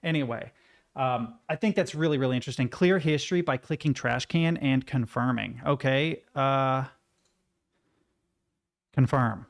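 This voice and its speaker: A man's voice: medium pitch, a little slow, gravelly. A man chatting casually on a livestream, thinking aloud with stammers, self-interruptions and some self-deprecating swearing. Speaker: live streamer.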